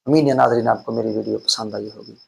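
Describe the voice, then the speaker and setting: A man's voice: on the low side, fairly even intonation, vocal fry, slightly rough. A man telling a devotional story as a preacher, his delivery fervent and building to emotional peaks. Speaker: preacher, channel host.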